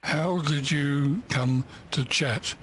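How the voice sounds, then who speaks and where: A man's voice: fairly high pitch, takes it slowly, a bit bright, a little hiss or hum. A man interviewing a guest, putting short, friendly questions from off to the side.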